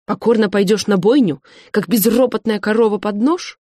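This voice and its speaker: A woman voicing an elderly woman who answers bluntly and forcefully, in an audiobook reading. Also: mid-range voice, normal speed, no echo, studio quality, pitched above the performer's own voice, close to an everyday voice. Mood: indignant. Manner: forceful, scornful retorts.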